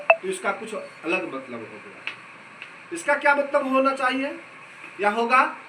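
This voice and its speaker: High, bright-voiced man teaching a class. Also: a little hiss or hum. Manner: explains slowly with repeated questions to the class. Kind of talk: classroom lesson. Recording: echoey room, from a distance.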